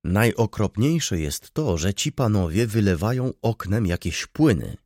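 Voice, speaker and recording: A man voicing a fussy, complaining middle-aged baroness landlady in an audiobook, with a shrill, plaintive delivery. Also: animated, a little slow, a little mellow, no echo, studio quality. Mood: plaintive complaint. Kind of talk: audiobook reading.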